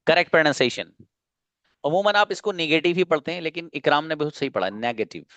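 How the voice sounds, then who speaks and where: A man's voice: on the high side, animated, fairly bright tone, no room sound. Dry-sounding man teaching a class. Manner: explains slowly, asks and answers own questions. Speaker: English teacher. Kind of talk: classroom lesson.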